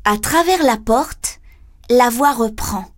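A woman narrating a children's story in first person, with a lively, expressive reading. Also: on the high side, slow. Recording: storybook reading over music.

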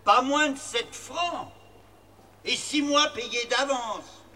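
A greedy innkeeper, piercing high voice, very sharp tone, curt demands, from far off. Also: male voice, slow, a little hiss or hum, exaggerated voice. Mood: grasping. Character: greedy male innkeeper shouting from inside. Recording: heard from far off.

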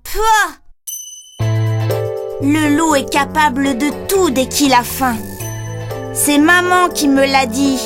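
A woman narrates a children's story in first person with an expressive, high voice. She reads slowly and deliberately. Clear music plays behind her. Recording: storybook reading over music.

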